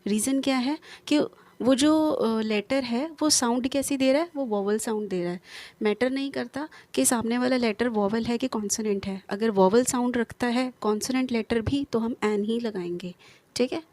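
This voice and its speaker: A woman teacher explaining English grammar in a lesson. She keeps asking questions and answering them herself, and she reads the English examples slowly and deliberately. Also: fairly high pitch, a little mellow, no echo.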